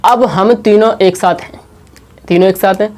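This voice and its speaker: A man's voice: high voice, steady tone, a little mellow. Man teaching, quizzing and answering himself. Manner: asks questions and answers them himself; slow, repetitive explaining. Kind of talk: classroom lesson at a board.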